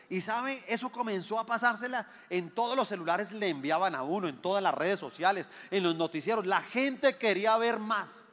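A man's voice: high voice, a bit bright. Guy preaching, keeps repeating lines and asking questions, lots of reverb. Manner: emphatic, repeats phrases, asks the crowd rhetorical questions. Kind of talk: sermon. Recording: long hall reverb.

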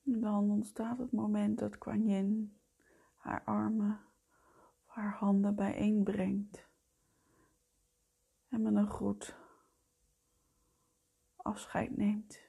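A woman leading a guided meditation in a soft, breathy voice that often fades towards a whisper, soothing, gentle and unhurried. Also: medium pitch, monotone. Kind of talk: slow guided meditation narration.

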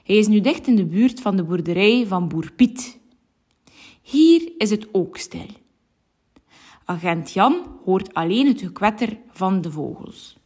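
A woman reading a children's story aloud, gentle and clear for a child. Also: mid-range voice.

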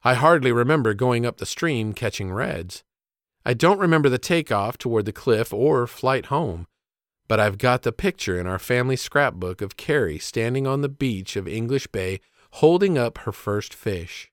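A man recalls a story of his own in measured, plainspoken narration, his pitch rising and falling freely. The voice is recorded dry and close, with no room sound. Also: animated, no echo. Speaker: storyteller and father. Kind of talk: scripted narration of a personal story.

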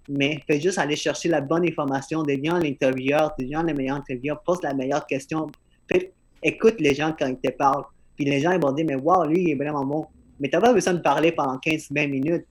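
A man's voice: a little high, steady tone, a little fast. A podcast host, a man with an accent and slightly slurred articulation, talking earnestly in a casual conversation and often repeating words as he starts a thought. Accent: non-native-sounding French accent.

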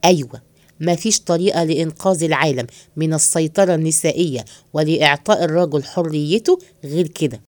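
A woman with an Egyptian accent voicing a scheming, henpecked middle-aged man who plots in hushed tones. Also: fast talker, no echo, studio quality, close to an everyday voice. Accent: Egyptian Arabic. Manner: low hushed plotting tone.

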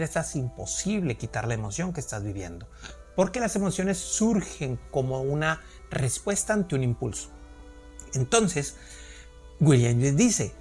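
A man's voice: medium pitch, dark tone, slightly rough. A man hosting a solo podcast, explaining ideas earnestly and asking rhetorical questions. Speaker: podcast host. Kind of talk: reflective solo podcast talk.

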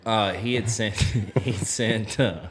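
A man's voice: fairly low pitch, steady tone, slow, a little hiss or hum. A man in his thirties telling a story as a podcast guest, rambling and loose with lots of filler. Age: 30s. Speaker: podcast guest, apparel business co-founder. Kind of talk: casual storytelling chat. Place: lodge.

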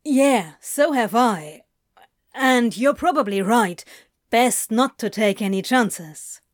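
A woman's voice: on the high side, lively intonation, slow, no echo, studio quality. A woman voicing a flustered, guarded male demon who talks in a blunt, clipped, offhand way. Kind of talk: fan audiobook reading.

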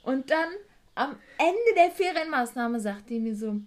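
A woman in a relaxed conversation, recounting her job in residential care. She talks bluntly and swears often. She plays every quoted exchange out loud in her own voice. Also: high-pitched, measured pace. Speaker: guest recounting a work trip; care worker with a residential group. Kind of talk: casual storytelling chat.

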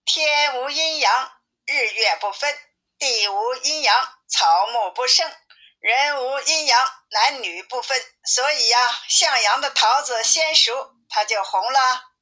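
A woman's voice: high-pitched, slow, sharp tone, voice pushed up, exaggerated voice. Woman putting on a coaxing female demon spirit. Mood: sweet. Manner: sweet, coaxing, then bossy with her minions. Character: coy female demon spirit, wants to wed the monk. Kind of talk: storytelling.

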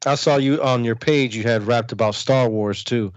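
A man's voice: medium pitch, moderate pace, no room sound, dull audio. A man chatting casually as a co-host who asks questions and offers ideas. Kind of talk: casual chat.

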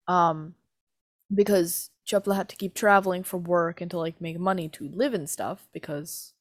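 A woman's voice: fairly low pitch, no room sound, clean studio sound. A young woman co-hosting a casual book chat, talking in a chatty, self-mocking way. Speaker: podcast co-host discussing a book.

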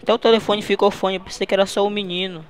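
A man's voice: sits high, steady tone, racing, smooth. A man with a Brazilian accent making a prank call, playing a frantic, worried father. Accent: Brazilian Portuguese. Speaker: prank caller.

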